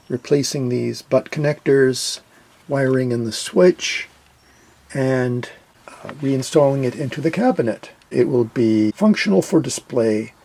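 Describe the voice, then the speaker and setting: A mellow, mid-range, gravelly male voice belongs to the host of a hobby video, who narrates a hands-on repair plainly and methodically.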